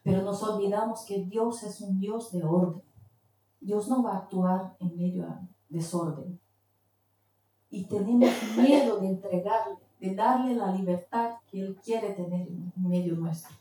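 A woman's voice: mid-range voice, warm tone. Woman preaching in a very echoey hall. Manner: searches for words mid-sentence. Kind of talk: sermon with told testimony. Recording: very echoey, distant from the mic.

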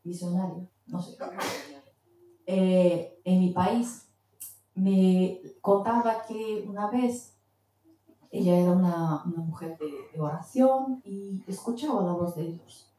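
A woman's voice: fairly low pitch, takes it slowly, dark tone. Woman preaching in a very echoey hall. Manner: searches for words mid-sentence. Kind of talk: sermon with told testimony. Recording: very echoey, distant from the mic.

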